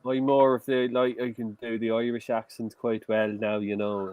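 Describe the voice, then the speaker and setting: A man's voice: medium pitch, flat delivery, normal speed, a little mellow, clear, resonant tone, dry recording. A man chatting casually on a podcast, joking and slipping into playful put-on accents.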